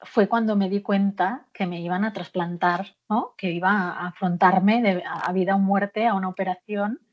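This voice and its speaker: A woman's voice: medium pitch, fairly even intonation, normal speed, highs cut off. A woman being interviewed about her own life, speaking frankly with frequent fillers and occasional laughter. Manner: warm and frank, laughs often, hesitant fillers. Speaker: guest, author of a memoir. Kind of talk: candid personal interview.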